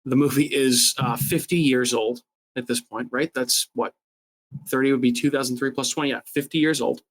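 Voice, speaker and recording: A man's voice: mid-range voice, fairly even intonation, slightly rough, low-quality recording. A man co-hosting a horror podcast, chatting casually and rambling with restarts. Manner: fast-talking, rambling with restarts. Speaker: podcast co-host. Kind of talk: casual chat.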